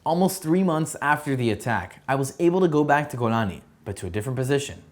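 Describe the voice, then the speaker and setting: Young guy from san diego reading out his own story, steady and earnest, mid-pitched voice. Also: quick pace. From San Diego, USA. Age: young adult. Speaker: soldier telling his story. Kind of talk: read personal testimony.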